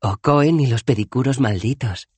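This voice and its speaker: A man voicing a kind, loyal young girl in an audiobook, speaking gently. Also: medium pitch, normal speed, husky, no echo, voice pushed up, close to an everyday voice. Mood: gentle. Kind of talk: audiobook character voice.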